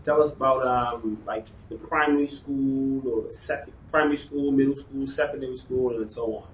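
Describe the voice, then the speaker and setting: A man's voice: medium pitch, steady tone, moderate pace. A man hosting a casual sports interview, chatty, with lots of fillers and repeated words. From Bahamas. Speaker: interview host. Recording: roomy, distant, dull with faint noise.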